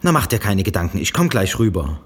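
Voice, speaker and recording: A man's voice: deep voice, very animated, fairly quick, slightly rough, voice pushed up, heavily acted. A man voicing a curt, domineering middle-aged mother who scolds her daughter over the phone, in a brusque, bossy manner. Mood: curt, scolding.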